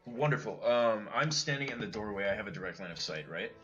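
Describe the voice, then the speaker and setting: Male player, low voice, upbeat, muffled lo-fi audio. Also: animated, quick pace, music in the background. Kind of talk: casual tabletop play. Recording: dull lo-fi sound.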